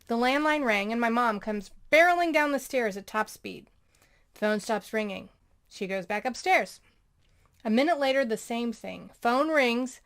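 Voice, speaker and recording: A woman, hosting a show where she reads funny stories aloud and adds wry, chatty comments. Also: fairly high pitch. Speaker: podcast host reading stories.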